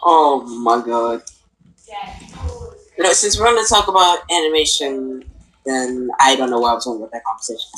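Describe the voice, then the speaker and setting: Halting, joking young guy. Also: mid-range voice, a bit bright, poor audio. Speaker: podcast co-host. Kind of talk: casual chat.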